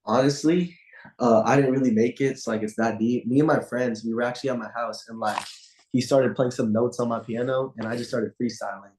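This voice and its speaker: On a rough-sounding video call, a young man who is a student poet and native Punjabi speaker recites a spoken-word poem rhythmically and deliberately, afterward chatting loosely. His mid-range voice is slightly mellow with fairly even intonation.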